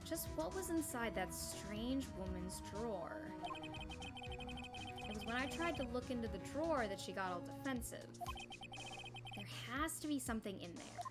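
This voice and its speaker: A woman's voice: a little high, expressive, moderate pace, over loud music, natural voice. A woman voicing an earnest young male rookie lawyer in a video game, hesitant and self-questioning. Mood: pondering.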